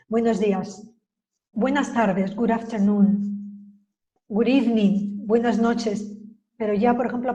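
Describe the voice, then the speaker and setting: A woman whose first language is Spanish gives a casual language lesson and repeats each English phrase patiently so it can be copied. Her voice is mellow and warm, at an ordinary pitch for a woman. The recording is a little dull and lo-fi. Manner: explains slowly, repeats English phrases to model pronunciation. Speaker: language teacher.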